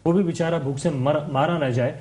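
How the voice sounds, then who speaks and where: A man's voice: fairly high pitch, fairly even intonation, a little mellow. A man hosting a political talk show, pressing his guests with pointed questions.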